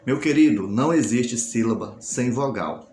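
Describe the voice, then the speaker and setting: A man's voice: medium pitch, lively intonation, normal speed, darkish tone. A man teaching a recorded class, explaining step by step and asking and answering his own questions. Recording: echoey room, faint noise.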